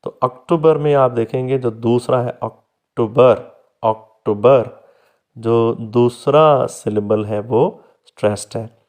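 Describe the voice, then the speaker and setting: This is a man giving a recorded lecture at a very unhurried pace. He explains patiently, step by step, sounding out example words slowly and addressing his students fondly as "beta", at an ordinary middle pitch. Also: a little mellow. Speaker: teacher.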